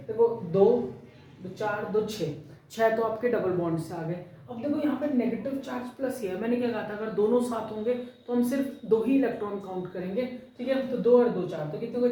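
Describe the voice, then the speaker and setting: A woman's voice: medium pitch, mellow, far from the mic, slight background noise. Woman teacher in an echoey room. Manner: explains step by step, checks understanding with frequent "theek hai". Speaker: chemistry teacher. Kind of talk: classroom lecture mixing Hindi and English.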